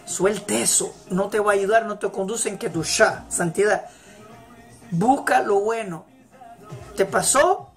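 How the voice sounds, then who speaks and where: A religious teacher, a woman, delivers a motivational talk with emphasis, repeating key phrases. She speaks at a measured pace in a medium-pitched voice, and faint celebration music plays in the background.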